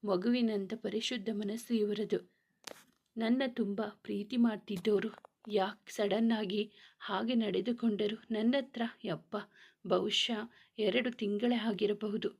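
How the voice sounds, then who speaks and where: Woman voicing a young wife, spirited, sharp-tongued, affectionate, storybook reading. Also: mid-range voice, steady tone, slow, a little hiss or hum. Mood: wistful.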